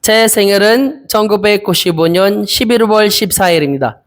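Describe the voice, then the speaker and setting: A young man in his twenties from the Philippines, practicing Korean interview answers aloud, hesitant and repeating each phrase slowly. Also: high-pitched, slight background noise. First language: Filipino. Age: 20s. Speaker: Korean language learner.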